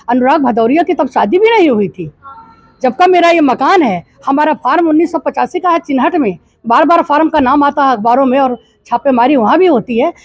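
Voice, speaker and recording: An older woman politician from Gorakhpur in eastern Uttar Pradesh, India, answers a news reporter's questions in a high voice. She fires back indignant rhetorical questions, and the recording has no room sound.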